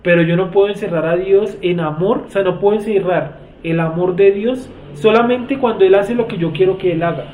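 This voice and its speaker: Man, Bible class teacher, high voice, explains and questions students, echoey and phone-thin recording. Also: fairly quick, few pauses, slight background noise. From Colombia. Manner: explains word meanings, often questions the class. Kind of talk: Bible study lecture. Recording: echoey room, tinny phone-like sound.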